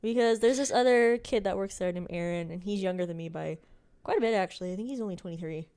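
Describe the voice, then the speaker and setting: A woman's voice: medium pitch, fast talker, clear, resonant tone. A woman in her late twenties, chatting casually as a podcast co-host and telling stories with frequent giggles. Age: 20s. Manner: giggly, animated storytelling. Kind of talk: casual chat.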